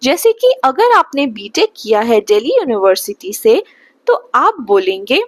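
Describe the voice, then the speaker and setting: A young woman from Bihar teaching spoken English slowly and patiently, often checking whether the listener has understood. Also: fairly high pitch, very animated, no room sound. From Bihar, India. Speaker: English tutor.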